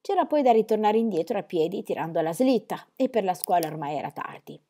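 A woman reads a classic children's story aloud, narrating with expressive storytelling. Her pitch moves in a lively, animated way through each sentence. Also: a little fast. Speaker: reader. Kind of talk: audiobook reading of a children's novel.

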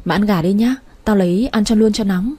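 A woman's voice: mid-range voice, a little fast, warm tone, breathy edge, natural voice. A woman voicing a blunt, chatty young female best friend.

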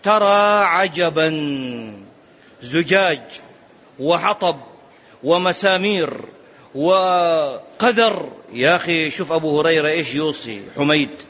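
A man's voice: fairly high pitch, slow, long pauses, fairly bright tone. A man teaching a religious lesson on a hadith book, explaining words, repeating key terms and quizzing his listeners. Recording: dull lo-fi lecture recording with faint noise.

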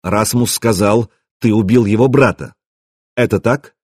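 Man playing a stern chief, even judge-like tone, husky, dry. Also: on the low side, measured pace, dry recording. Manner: dispassionate, stern.

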